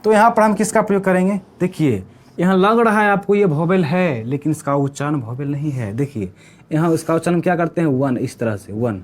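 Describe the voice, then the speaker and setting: Fairly high-voiced male teacher explaining. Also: brisk. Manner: asks the class questions and answers them himself; keeps checking in with the class. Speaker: English teacher. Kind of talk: classroom lesson explaining grammar.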